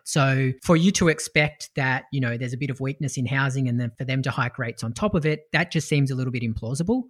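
Mid-pitched man giving analytical market commentary. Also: fairly bright tone. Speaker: podcast co-host.

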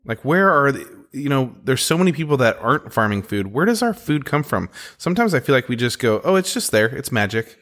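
A man co-hosting a podcast in casual chat, animated and acting out quotes. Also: mid-range voice, a little fast, few pauses. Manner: animated, acts out quotes in his own voice. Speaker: podcast co-host.

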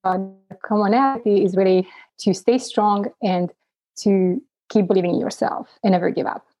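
A woman's voice: medium pitch, steady tone, normal speed, warm tone, highs cut off, soft background music. A middle-aged woman from Romania, a physician guest talking casually with frequent restarts. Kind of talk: casual interview talk.

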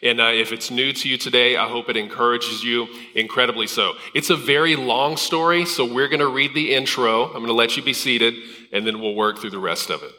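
Pastor guy preaching, chatty with lots of uh's, super bright voice, echoey church. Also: mid-range voice, a little fast. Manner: conversational, with fillers and restarts. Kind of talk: sermon. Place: church sanctuary. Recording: long church hall reverb.

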